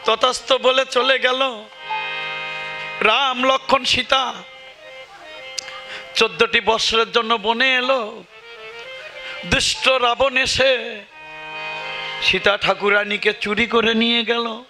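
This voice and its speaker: High-voiced, slow Bangladeshi kirtan preacher. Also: male voice, steady tone, over music. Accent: Bangladeshi Bengali. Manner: declamatory, rising into sung, tearful outbursts. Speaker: kirtan singer and storyteller. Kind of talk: sung devotional storytelling sermon. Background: musical instruments.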